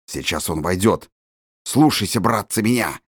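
A man narrating an audiobook voices a scheming teenage ringleader. He gives orders in a lowered, conspiratorial tone. The recording is close and dry. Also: expressive, normal speed, dry recording, lightly acted. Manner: bossy, conspiratorial. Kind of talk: audiobook character voice.

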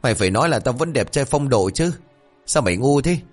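A man voicing a vain, hot-tempered, toothless old sorcerer with a shrill voice, cursing and scolding in rapid outbursts. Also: animated, breathy edge, soft background music. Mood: angry scolding. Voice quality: shrill lisping voice from missing front teeth.

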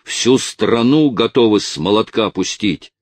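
A man's voice: lowish voice, unhurried, no room sound, pitched above the performer's own voice. A man voicing an angry, defiant young male vigilante who argues in a heated, raised voice.

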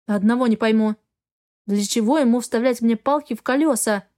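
A woman narrating a fantasy novel in the first person, expressive storytelling. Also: a little high. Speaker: audiobook reader.

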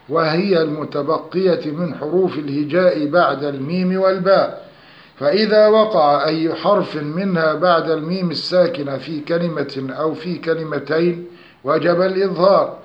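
A man giving a scripted recitation lesson, explaining rules in a measured, steady delivery. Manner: measured, slows to recite examples with nasal humming. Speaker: tajweed teacher. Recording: echoey dull low-fi room recording.

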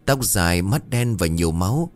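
A man reading a ghost story, voicing a small frightened girl who murmurs softly. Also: low-pitched, expressive, normal speed. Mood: eerie, fearful. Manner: soft, fearful murmuring.

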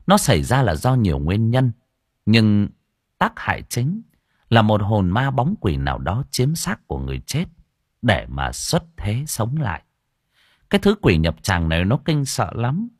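A man's voice: fairly low pitch, a little slow, no echo. A man narrating a horror folk tale as an audiobook storyteller, close to the mic. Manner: expressive storytelling.

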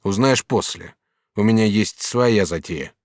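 A man's voice: on the low side, dry recording, clean studio sound, lightly acted. A man playing a proud, commanding master artist. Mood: sly. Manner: firm, measured, commanding. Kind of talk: audiobook character reading.

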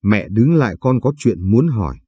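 A man's voice: on the low side, big pitch swings, moderate pace, breathy edge, dry recording, muffled recording. A man voicing a weak young husband who argues meekly with his mother in a storybook tale. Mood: protesting. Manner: irritated but meek.

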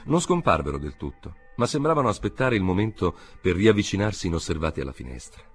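A male reader narrates a literary audiobook in a very deep, husky voice. His reading is measured but moves widely in pitch. Faint music sits under the narration. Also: sing-song.

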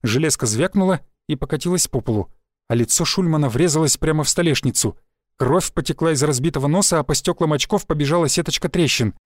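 A man narrating an audiobook in a steady, even storytelling voice. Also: fairly high pitch, fast talker, no echo, clean studio sound. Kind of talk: scripted narration.

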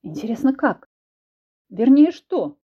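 A woman's voice: sits high, big pitch swings, slow, slightly rough, highs cut off, full character voice. A woman voicing an overwhelmed, tearful young witch who pleads and protests. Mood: bewildered. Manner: pleading, breathless.

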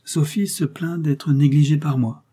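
A proud, grieving aristocratic mother speaks in a cool, haughty manner, voiced by a man reading aloud. The tone is dark and husky, with measured storybook delivery. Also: mid-range voice, natural voice.

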